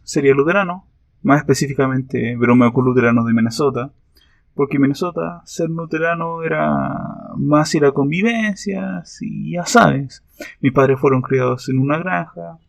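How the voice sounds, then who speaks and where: A man answering interview questions in a thoughtful, reflective way, with hesitant pauses. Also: a little high, vocal fry, no echo. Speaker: interview guest.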